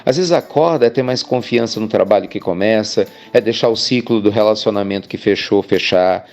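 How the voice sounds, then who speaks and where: A man's voice: lowish voice, brisk, darkish tone, highs cut off. A man, a spiritual speaker telling an inspirational story in a chatty way. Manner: chatty, addresses listeners as "gente" with frequent "né".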